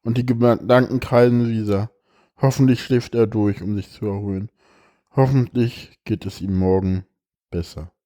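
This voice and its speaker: A tired man hosting a podcast, talking haltingly with many fillers and reading a text aloud with feeling. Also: on the low side, steady tone, dark tone. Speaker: podcast host.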